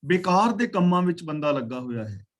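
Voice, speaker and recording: A man teaching a scripture class, reciting verses slowly and then explaining them in plain talk. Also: on the high side, big pitch swings. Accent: Punjabi. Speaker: katha teacher.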